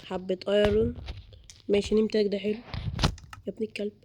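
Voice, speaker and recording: Man, Egyptian Arabic accent, excitable gameplay commentary, rapid chatter, fairly high voice. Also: noisy background. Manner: excitable, yelping, chattering to viewers. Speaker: gaming video creator.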